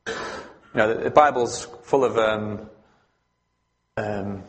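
Preacher with a hall echo. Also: male voice, lowish voice, slow pace, a little hiss or hum. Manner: conversational, emphatic, asks the congregation questions. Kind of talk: sermon. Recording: long hall reverb.

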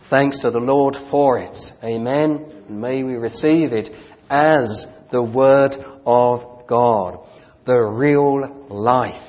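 A man preaching a sermon into a pulpit microphone, earnest and deliberate, reading scripture and growing fervent. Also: mid-range voice. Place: church sanctuary. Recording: dull church recording with long hall reverb.

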